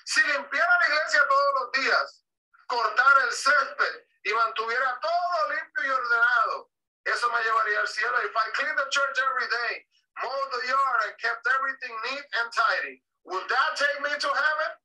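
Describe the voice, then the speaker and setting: Performed by a man, this is a kindly pastor from a sermon story, asking a group of children one earnest question after another. The voice sits very high and sounds very bright, and it is heard from some distance off the mic. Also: moderate pace, heavily acted. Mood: quizzing. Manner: earnest questioning, repeated in two languages.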